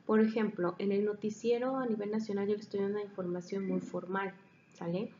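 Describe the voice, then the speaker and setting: Woman teacher, mellow, roomy. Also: mid-range voice, flat delivery, brisk. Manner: explanatory, frequent checking questions. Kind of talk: classroom lecture. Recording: dull, roomy, faint hiss.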